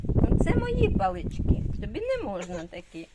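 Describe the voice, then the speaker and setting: A woman's voice: mid-range voice, huge pitch swings, normal speed. An older woman from Ukraine vlogging outdoors, cooing in sing-song baby talk to a toddler and a dog. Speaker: vlogger great-grandmother. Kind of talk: home vlog, talking to a toddler and a dog. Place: outdoors in a windy yard. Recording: loud wind and outdoor noise.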